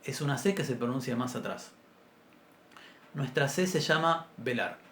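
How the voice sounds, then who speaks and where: A man teaching an introductory Biblical Hebrew class, explaining patiently and clearing his throat often. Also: mid-range voice, animated, moderate pace, a bit bright. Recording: roomy echo, faint background noise.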